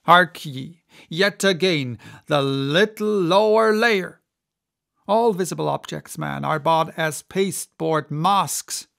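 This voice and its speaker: A man's voice: fairly high pitch, slow, vocal fry, a bit bright, heavily acted. A man voicing an obsessed, vengeful whaling captain in an audiobook, intense and declamatory. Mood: brooding, defiant.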